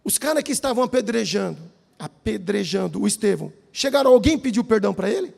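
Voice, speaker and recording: With a Brazilian Portuguese accent and a high voice laced with vocal fry, a man preaches quickly and lively in a church hall. He tells personal stories and often calls the congregation brothers.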